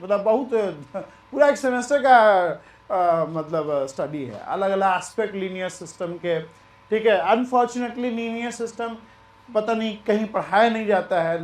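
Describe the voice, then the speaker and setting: A man teaching maths in a relaxed, chatty way, mixing Hindi and English and repeating himself. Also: high-pitched, roomy sound. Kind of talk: lecture.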